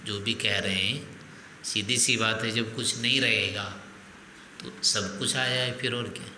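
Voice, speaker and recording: A man's voice: fairly low pitch, fairly even intonation, unhurried, pushed and bright. An older man giving a spiritual discourse as a teacher, reasoning aloud with rhetorical questions. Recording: echoey hall with faint noise.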